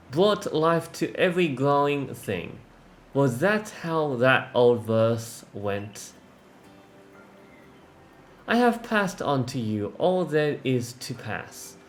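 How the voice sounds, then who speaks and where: A man reading aloud the lines of a calm, wise old woman sage, slow and soft, with a lively pitch. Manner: reads slowly and softly, measured. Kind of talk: reading game dialogue aloud.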